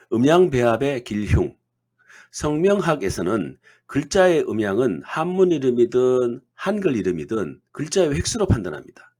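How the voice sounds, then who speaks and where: A man delivers a scripted lecture, stepping through lists one item at a time. His voice is husky and slightly rough, and his pitch rises and falls in a lively way. He keeps an even, explanatory tone throughout. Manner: measured, reads lists item by item. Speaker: naming-theory lecturer.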